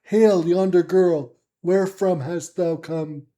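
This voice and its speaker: A man's voice: high-pitched, fairly even intonation, takes it slowly, dark tone. A man voicing a stern armored gate guard. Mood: hailing. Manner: formal, impatient.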